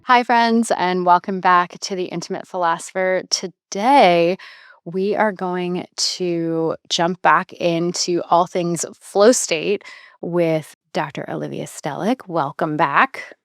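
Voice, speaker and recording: A woman's voice: on the low side, steady tone, takes it slowly, no room sound, studio quality. A woman in her thirties hosting a podcast, talking in a reflective, chatty way that often trails off and restarts. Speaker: podcast host. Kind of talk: casual podcast conversation.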